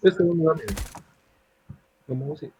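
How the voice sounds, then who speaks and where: A man chatting casually with a teammate during an online shooter, relaxed and rambling in half-finished sentences. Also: on the high side, dull audio, a little hiss or hum. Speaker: teammate, co-player. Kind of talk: casual chat while gaming.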